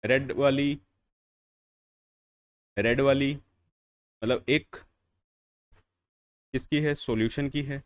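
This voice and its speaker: A young adult man teaching chemistry in a classroom lecture. He asks questions and answers them himself, repeating key phrases and calling the students "beta". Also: medium pitch. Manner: calls students "beta" and "bhaiya".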